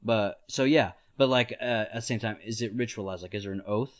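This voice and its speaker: A podcast host with a voice on the low side speaks briskly. He works through ideas in relaxed conversation, frequently using "like" and "right?" and quick to laugh. The audio is dull and lo-fi.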